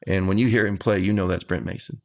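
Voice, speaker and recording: A man talks about his music as an interview guest. His voice sits very low with a gravelly rasp, and his phrasing is earnest and folksy. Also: steady tone, fast, darkish tone. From Texas. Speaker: country singer guest. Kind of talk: casual interview answers.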